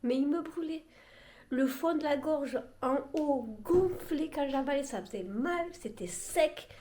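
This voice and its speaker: A young woman vlogs from home, her regional French accent stronger through a blocked, nasal nose. Her voice sits a touch high, and she rambles in a loose, self-deprecating way. She sounds plainly sick with a cold. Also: measured pace, warm tone. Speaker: vlogger. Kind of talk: casual vlog chat.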